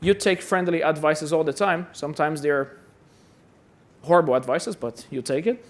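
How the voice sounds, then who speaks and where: Speaking at a moderate pace in a voice on the high side, a man from Brazil presents at a conference hall. He's chatty and pokes fun at himself, often repeating words along the way.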